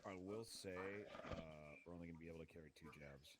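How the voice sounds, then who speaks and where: A man's voice: deep voice, fast, noisy background. A man making casual tactical talk and radio calls as a player in a military game.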